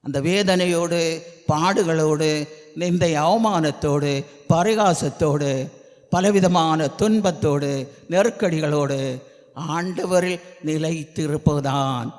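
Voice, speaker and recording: A man's voice: fairly high pitch, slow pace. A man with a Tamil accent preaching and leading a pleading, repetitive prayer as a pastor in a church prayer hall. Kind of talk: sermon and loud congregational prayer. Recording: long hall reverb with faint ambient noise.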